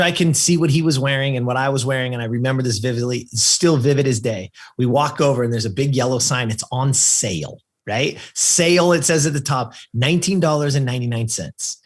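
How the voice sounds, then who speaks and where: A man's voice: mid-range voice, fast talker. A man in his fifties from California, a podcast guest telling a personal story with emphatic repetition. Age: 50s. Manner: animated storyteller who acts out the people he quotes.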